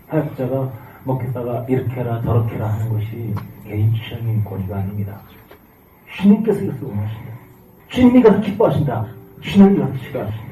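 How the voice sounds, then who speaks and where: Impassioned preaching man in an echoey room. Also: medium pitch. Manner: impassioned preaching, rising to fervent prayer. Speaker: pastor. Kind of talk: sermon. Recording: echoey, distant room with noise.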